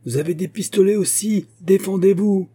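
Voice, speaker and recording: A man voicing a fierce, desperate musketeer captain in an audiobook, shouting his lines with passion. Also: on the low side, normal speed, husky. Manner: shouting, impassioned. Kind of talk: audiobook character voice.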